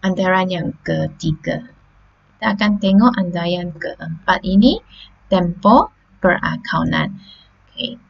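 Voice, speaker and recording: A woman's voice: on the low side, creaky, lo-fi sound. A Malaysian woman teacher taking students through a lesson step by step, often checking in with "okey" and "ha?". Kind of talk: classroom lesson on slides.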